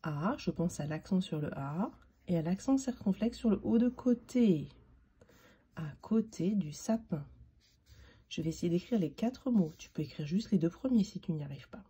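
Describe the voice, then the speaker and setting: A woman teacher giving a slow, patient handwriting lesson to young children, spelling out each letter as she writes. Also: fairly low pitch, animated, dark tone, husky.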